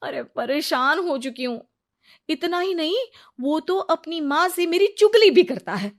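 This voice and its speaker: A woman voicing a fed-up cartoon wife, high-pitched. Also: expressive, a little slow. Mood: complaining. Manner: complaining, theatrical. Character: fed-up young wife, complaining and dramatic. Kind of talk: cartoon voice acting.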